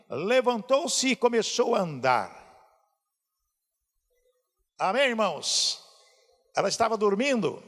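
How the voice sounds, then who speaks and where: A male pastor preaching a sermon, asking the congregation questions as he goes. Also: sits high. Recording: hall reverb.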